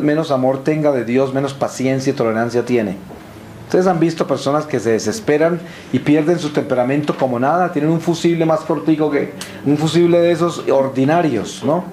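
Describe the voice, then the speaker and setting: A man's voice: a little high, a little mellow, slight background noise. Man preaching emphatically in an echoey room. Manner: emphatic, repetitive exhortation with rhetorical questions. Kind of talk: sermon. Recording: echoey room with faint ambience.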